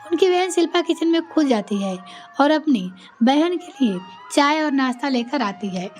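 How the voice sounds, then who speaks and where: A woman reading a family moral story aloud as storyteller, plain and unhurried with small slips. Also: sits high, animated, darkish tone, soft background music. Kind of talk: storybook narration.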